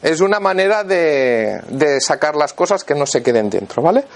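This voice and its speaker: A man walks a volunteer through a demonstration in front of an audience. His voice sits high and swings up and down. He keeps checking in with short questions as he gives each instruction. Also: sing-song, normal speed, slight background noise. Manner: instructive, checks in constantly with "vale". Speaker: therapist leading a live demonstration.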